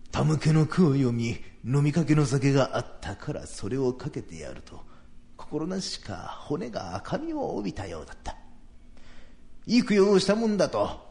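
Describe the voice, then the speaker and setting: A man voicing a proud, solemn old retired samurai, telling a story slowly and gravely in traditional comic storytelling. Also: mid-range voice, a little mellow. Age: older.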